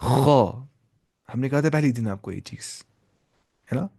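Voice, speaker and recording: A man's voice: mid-range voice, animated, fairly quick, vocal fry, warm tone, dry recording, clean studio sound. A man teaching Quran reading in a class. He puts questions to the class, answers them himself, and repeats and stretches out sounds to demonstrate them. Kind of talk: classroom lesson.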